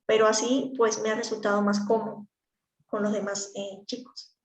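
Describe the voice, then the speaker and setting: A woman's voice: medium pitch, level tone, normal speed, roomy sound, dull audio. A woman teaching speech therapy to a class, explaining practically with examples. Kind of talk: online class lecture.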